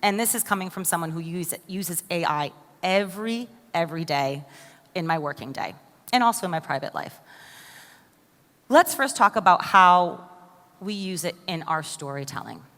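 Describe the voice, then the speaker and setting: In a large conference hall full of long reverb, an American keynote speaker talks at normal speed with a fairly low, expressive voice. She's enthusiastic, throws questions directly at the audience, and keeps a fairly bright tone.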